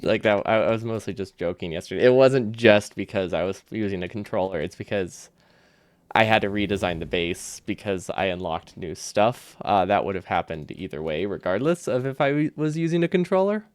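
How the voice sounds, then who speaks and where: On a gaming livestream, a man with a lowish voice and lively intonation talks briskly and casually, captured in a dry recording. Easygoing, he rambles while thinking out loud, his words a bit hampered by a loose dental retainer.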